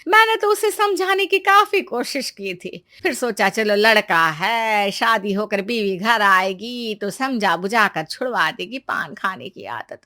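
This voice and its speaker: In an animated family comedy, a woman with a mid-range voice plays a nagging, sly older mother-in-law. She drags out her phrases in a reproachful way.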